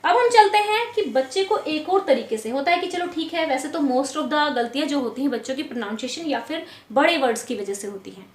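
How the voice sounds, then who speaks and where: A woman teacher explaining a lesson to parents, patiently repeating words slowly, syllable by syllable. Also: high voice, animated, reverberant.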